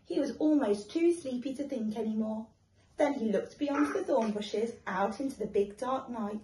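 Young woman, children's storytime, expressive, child-directed, highish pitch, echoey room. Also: normal speed, slight background noise. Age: young adult. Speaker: primary school teacher reading a storybook. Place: small living room, on a sofa indoors. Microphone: camera a short distance away.

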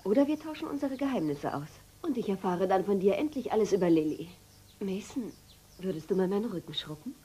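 A woman's voice: mid-range voice, expressive, brisk, dark tone, breathy edge. An actress dubbing a scheming, sarcastic woman with expensive tastes in a soap opera. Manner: coy, mocking. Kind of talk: German-dubbed soap opera acting.

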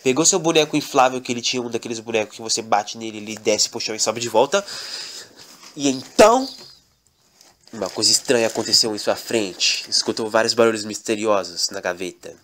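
A man's voice: on the low side, fairly quick, a bit bright. A man telling an absurd comic story in a mock-dramatic, repetitive storytelling manner.

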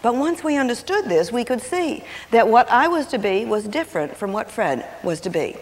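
Animated woman teaching in an echoing hall. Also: on the high side, moderate pace. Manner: animated, acts out quotes in changing voices. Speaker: seminar speaker on personality and marriage. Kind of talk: lively teaching talk with stories. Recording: long hall reverb on an old videotape.

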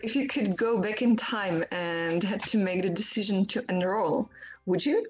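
A woman's voice: medium pitch, moderate pace, dull audio, soft background music. A woman hosting an interview over a video call, asking brief friendly questions. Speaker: interview host. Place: indoor room. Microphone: video call webcam.

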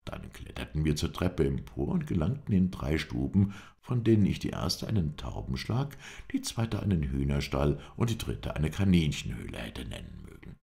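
A man reading an adventure novel aloud as an audiobook, in expressive scripted narration. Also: rumbling low, normal speed, vocal fry, hardly any pauses. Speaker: audiobook reader.

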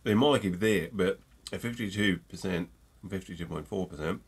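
Low-pitched, breathy and fairly quick, this middle-aged man has a stuffy nose from a cold. As a gin reviewer, he gives a chatty, jokey tasting talk to camera, with frequent ums. He's close to a desk mic in a room at home where shelves hold bottles.

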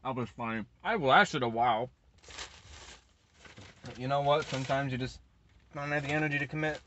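A man's voice: mid-range voice, normal speed, a bit bright, lo-fi sound, slight background noise. A young man doing a casual food review from his car, laid-back and crude, talking while chewing. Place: inside a parked car.

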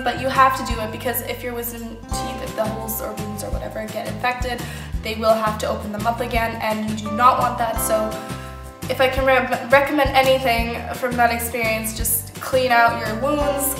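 A young adult woman speaking casually to camera as a vlogger, rambling informally and giving emphatic advice in a home kitchen. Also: on the high side. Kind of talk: casual personal chat to camera. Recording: echoey room, music behind voice. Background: music.

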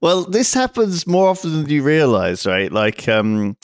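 A man's voice: on the high side, expressive, measured pace, dry recording, clean studio sound. A man co-hosting a casual podcast who talks through his points and keeps checking in with "right?". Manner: chatty, ends points with "right?". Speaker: podcast co-host.

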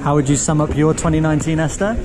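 A man's voice: a little high, flat delivery, quick pace, noisy background. A man vlogging on a night ski trip, chatty and asking his friends questions, filming on an action camera. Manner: chatty, asks the others questions. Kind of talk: casual vlog chat.

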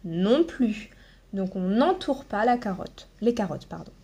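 A woman teaching a phonics lesson to young children, slowly sounding out each syllable with long buzzing sounds and checking in with them after each point. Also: mid-range voice, expressive, mellow, breathy edge. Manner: slow, deliberate, sounds out syllables with drawn-out buzzing. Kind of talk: primary-school phonics lesson.

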